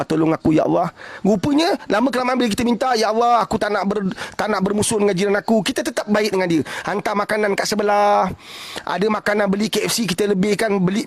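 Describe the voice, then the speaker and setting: Brief: Malaysian preacher, male, very high husky voice, dry close sound, keeps firing rhetorical questions. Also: no room sound. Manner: animated, repeats rhetorical questions like "understand or understand?"; folksy, blunt, joking asides. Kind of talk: casual preaching talk.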